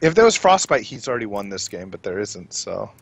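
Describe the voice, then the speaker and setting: A man co-casting a strategy game, giving relaxed, chatty color commentary. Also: fairly low pitch, brisk, creaky, a little hiss or hum. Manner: relaxed, chatty analysis with restarts. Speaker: esports co-caster.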